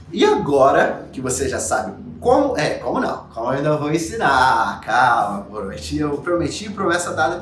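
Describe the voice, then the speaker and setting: Animated Brazilian teacher in an echoey room. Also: male voice, on the high side. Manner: animated, rhetorical questions, plays the viewer's objections. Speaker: English teacher. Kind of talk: YouTube lesson to camera. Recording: echoey room, mic at a distance.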